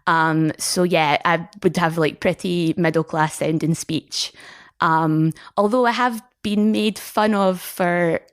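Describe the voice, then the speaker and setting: Female interview guest, Scottish Standard accent, lowish register, conversational explainer with hedges, dry recording. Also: steady tone, slow, clean tone, dry recording. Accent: Scottish, middle-class Scottish Standard English. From Scotland. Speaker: guest, linguistics researcher and teacher.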